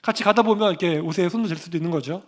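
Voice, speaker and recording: Male pastor, Korean accent, high voice, fervent emphatic preaching. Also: rapid-fire. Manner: fervent, emphatic, rising to proclamations. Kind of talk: sermon.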